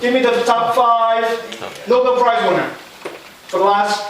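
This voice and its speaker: High-voiced pastor in an echoey hall. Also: male voice, a little slow. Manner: animated, quizzes the congregation. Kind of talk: sermon. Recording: echoey room from far off with crowd. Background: congregation voices.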